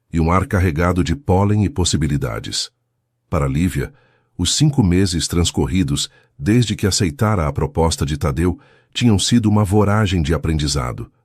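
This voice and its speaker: Deep husky guy narrating a romance story, measured, dry recording. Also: no echo.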